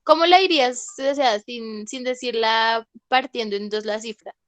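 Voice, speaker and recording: A woman's voice: fairly high pitch, moderate pace, fairly bright tone, dry recording. Patient woman teaching a class. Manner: patient, repeats "¿listo?" to check understanding. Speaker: English teacher. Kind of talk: online class explanation.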